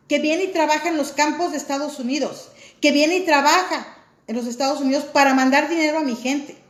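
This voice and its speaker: A woman delivers a fervent political monologue in a high voice. She hammers her points with repeated rhetorical questions and direct appeals to the listener. The recording carries a noticeable room echo.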